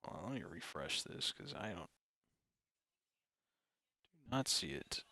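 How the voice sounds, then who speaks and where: Young man, gravelly voice, lively pitch, casual podcast chat. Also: slow, dry recording. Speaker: podcast co-host.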